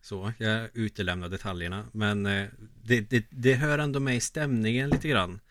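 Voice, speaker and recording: A man's voice: fairly low pitch, steady tone, a bit bright, dry recording, clean studio sound. A man co-hosting a casual podcast who giggles, rambles and uses many fillers. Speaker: podcast co-host.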